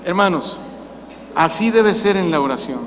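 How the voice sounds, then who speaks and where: A high-pitched Mexican man preaches with fervor, firing questions at his congregation and breaking into loud calls. His voice rings through a reverberant church hall. The recording is somewhat muffled, with a faint hiss underneath. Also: expressive, normal speed. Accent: Mexican Spanish. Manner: emphatic preaching, asks the congregation questions, rises to loud cries. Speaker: pastor. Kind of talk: sermon.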